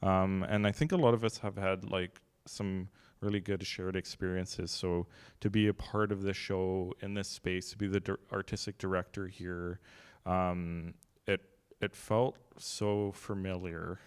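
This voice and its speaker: Seated at a long table in the gallery room, this young man welcomes people as the gallery's artistic director, speaking casually through a handheld microphone. His low, smooth voice barely moves in pitch, and he stumbles along with frequent fillers, restarts and the occasional light joke.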